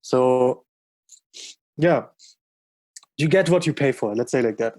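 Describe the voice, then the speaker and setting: German man, mellow, enthusiastic guest. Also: mid-range voice, takes it slowly, no echo. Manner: enthusiastic, frequent fillers. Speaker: podcast guest. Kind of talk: casual chat.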